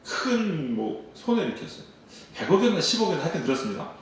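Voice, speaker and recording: At a dawn service in a church sanctuary, a pastor preaches quickly in a slightly high voice with big pitch swings. He acts out quoted dialogue and poses questions to the congregation, captured from a distant mic with echoey church sound and a little hiss or hum.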